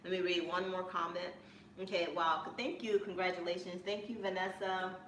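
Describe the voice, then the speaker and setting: A woman hosting a home cooking live stream, chatting in a rambling way with bursts of excitement, from her kitchen. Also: on the low side, moderate pace. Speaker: cooking channel host. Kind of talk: casual live-stream chat. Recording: echoey room, mic at a distance, faint room noise.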